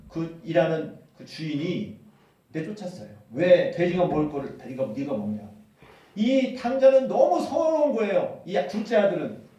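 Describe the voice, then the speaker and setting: A male pastor preaching a sermon as animated storytelling, acting out the quotes. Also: high voice, dull audio. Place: church hall. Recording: echoey hall from far off.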